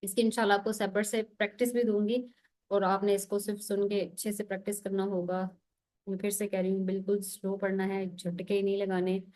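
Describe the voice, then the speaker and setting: A woman's voice: mid-range voice, level tone, a little mellow. Patient woman teaching letter sounds. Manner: patient, repeats "okay" to check understanding; sounds out letters slowly one by one. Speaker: Quran recitation teacher. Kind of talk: online lesson.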